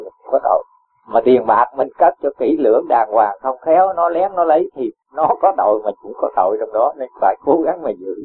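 A man, a Buddhist teacher giving a gentle dharma talk with homely examples and chuckles. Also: medium pitch, a little hiss or hum. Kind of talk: dharma talk answering a follower. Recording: tinny phone-like lo-fi sound.

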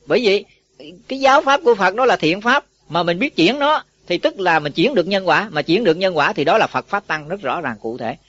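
A man's voice: high-pitched, lively intonation, brisk, fairly bright tone, no room sound. A man, a Buddhist monk teacher giving a folksy dharma talk to monks, often asking them questions. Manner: folksy, asks listeners questions. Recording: dull lo-fi recording.

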